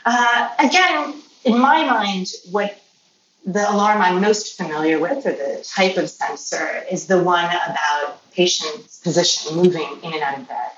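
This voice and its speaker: A woman, a native Polish speaker from Poland or a Polish-speaking family, answers interview questions conversationally as a guest who works in healthcare. Her voice is lowish and a bit bright, with the highs cut off. The recording sounds roomy and distant, from a far-off mic with faint noise.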